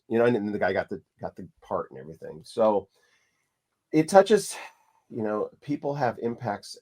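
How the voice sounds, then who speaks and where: A man with a lowish voice talks casually as a podcast host. He tells stories in a loose, meandering way, circling back and restarting his sentences. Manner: relaxed storytelling with many restarts and fillers. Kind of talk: casual conversation.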